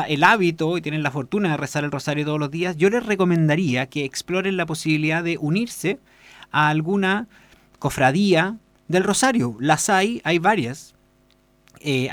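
Man, radio host, earnest unscripted talk, slightly high voice, dry close mic. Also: dry recording. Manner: unscripted, frequent fillers and restarts, earnest recommending. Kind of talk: casual spoken commentary.

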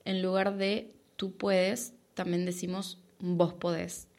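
Argentine woman, Spanish teacher, podcast lesson; low gravelly voice, patient, checks in with listeners often. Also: level tone, slow, a little mellow, a little hiss or hum.

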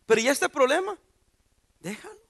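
A very high-pitched man with a gravelly edge and a bright, sharp tone preaches. He keeps the sermon loose and conversational, cracking jokes and tossing questions to the congregation in a church. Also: lively intonation, normal speed. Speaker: pastor. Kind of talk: informal sermon.

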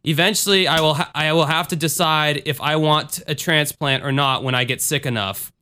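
A man speaks as a podcast host in an informal, conversational way. His voice sits a little high, with a bright edge and a clean, clear sound. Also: moderate pace. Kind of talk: casual podcast talk with reading aloud.

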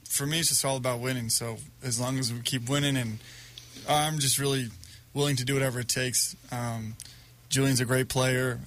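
Young man, college basketball player, monotone, calm, radio studio guest. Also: mid-range voice. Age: young adult. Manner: calm, even, with soft ums.

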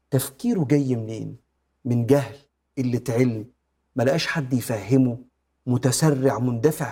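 A middle-aged man with an Egyptian accent giving a religious talk, retelling a story with quoted dialogue and often dropping to a soft hush. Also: medium pitch. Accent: Egyptian Arabic. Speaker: preacher.

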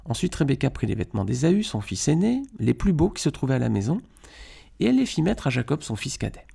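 A man reading a Bible chapter aloud in a steady, measured way. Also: medium pitch, vocal fry, breathy edge. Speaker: Bible reader.

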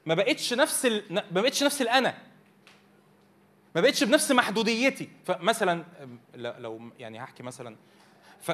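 A man's voice: very high-pitched, pushed and bright. A man with an Egyptian Arabic accent teaching a church youth meeting from slides, often asking the audience questions. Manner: engages the audience with repeated questions.

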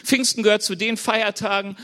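Man with a notably high voice for the preacher role; casual sermon delivery that gropes for words. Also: level tone, normal speed, bright, forceful tone. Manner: informal, searching for words, chuckles now and then. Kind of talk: conversational sermon.

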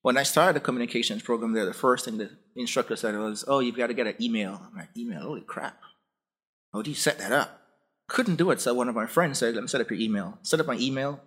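A man in his forties with a Jamaican accent, a professor guest recounting his path in a relaxed, anecdotal way with frequent restarts. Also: mid-range voice, quick pace, slightly rough. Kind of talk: conversational interview storytelling.

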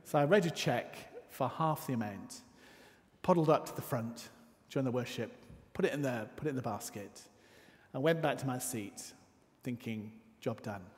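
A man giving a sermon in a church, telling a personal story with dramatic pauses and hushed asides. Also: medium pitch. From north of England. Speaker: preacher. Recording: church hall with long reverb.

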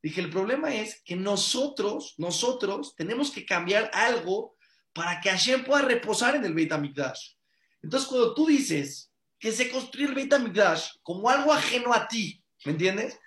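A man's voice: sits high, lively intonation, moderate pace, fairly bright tone, roomy sound. A man, a rabbi giving an earnest, preachy talk and acting out quoted pleas. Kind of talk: sermon-like talk on an online panel.

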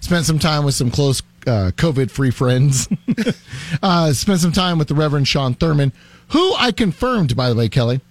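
Animated, high-pitched male radio co-host. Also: normal speed, dry recording. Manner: animated, joking storyteller. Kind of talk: casual sports radio banter.

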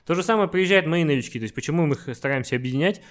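A man's voice: fairly high pitch, animated, very fast. A man from Kazakhstan with a burred r in casual chat, frankly explaining his work as a podcast guest and swearing now and then. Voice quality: burred r, says r softly in the throat. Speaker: podcast guest, network marketer.

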